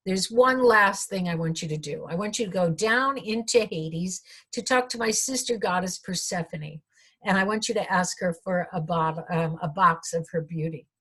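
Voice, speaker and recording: Cruel goddess of love, commanding and scornful, husky and lowish; woman narrator doing her. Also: moderate pace, fairly bright tone.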